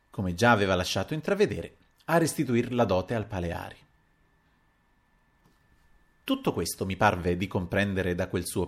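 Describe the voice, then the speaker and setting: A man reading literary fiction aloud as an audiobook narrator. His voice sits fairly low, and his delivery is measured and expressive, in the manner of a classic audiobook.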